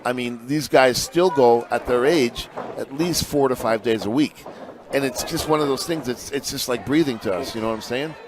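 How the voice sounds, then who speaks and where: A man's voice: mid-range voice, moderate pace. A man giving conversational color commentary as a lucha libre announcer, colloquial and emphatic, often repeating phrases. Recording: noisy venue with crowd behind.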